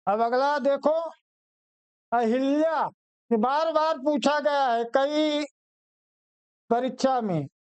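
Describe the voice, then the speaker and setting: A woman teaching a spelling lesson, her voice mellow and a touch high. She talks very slowly and says each word several times over, speaking straight to her students. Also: lo-fi sound. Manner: addresses students directly, plain chalk-talk tone. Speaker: Hindi teacher. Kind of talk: exam-prep spelling lesson.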